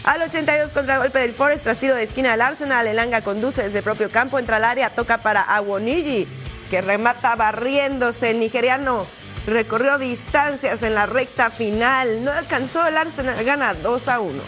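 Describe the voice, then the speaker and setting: High-pitched woman calling football highlights. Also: normal speed, fairly bright tone, soft background music. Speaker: sports highlights commentator.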